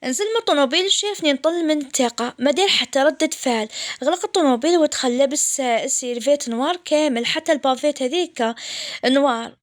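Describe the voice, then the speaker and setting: A woman with an Algerian Arabic accent narrating a first-person story in a soft, intimate way. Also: high voice, fast, no echo, studio quality.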